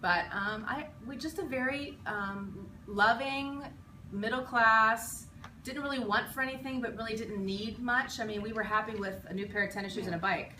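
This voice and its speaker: At a normal speed and a fairly high pitch, a woman in her forties speaks in a pushed, bright voice about her school years. She's a teacher from western Pennsylvania in a casual interview, reflective and rambling with many ums and restarts. The school-building recording is echoey and noisy, the mic set far off.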